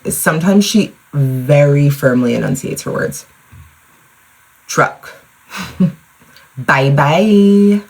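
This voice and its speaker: Chatty young mom, husky voice. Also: female voice, low voice, darkish tone, rough recording. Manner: chatty, rambling, lots of "like", with swearing. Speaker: podcast host. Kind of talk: casual solo podcast chat. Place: at home, in front of a mirror.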